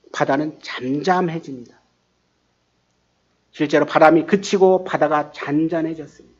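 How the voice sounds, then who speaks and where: A man pastor preaching a sermon, acting out quoted lines with sudden bursts of volume. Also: muffled recording. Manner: animated, acts out quotes with rising pitch and volume.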